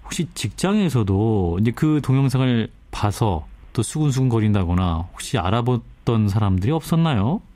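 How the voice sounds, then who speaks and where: A man's voice: medium pitch, animated, normal speed, hardly any pauses, mellow, no room sound. A man hosting a radio news show, introducing items and putting questions to guests in broadcast style. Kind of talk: broadcast interviewing. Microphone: close studio microphone.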